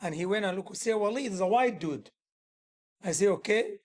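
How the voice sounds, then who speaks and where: A high-pitched man speaking at a moderate pace leads a casual workshop as a musician and music instructor. He comes across as earnest and rambling, with loose grammar and repeated sentence restarts.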